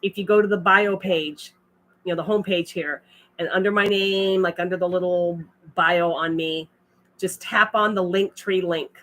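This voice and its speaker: Hosting a relaxed livestream, this woman has a lowish, fairly bright voice with fairly even intonation and a moderate pace. She chats with her audience and reads their comments out loud, breaking into laughter frequently.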